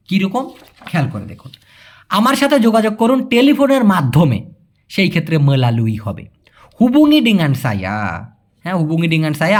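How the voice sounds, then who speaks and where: Lively high-pitched Bangladeshi man teaching. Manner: chatty, repeats key words slowly, addresses viewers as brother. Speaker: language teacher. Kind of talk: casual Malay lesson answering viewer questions.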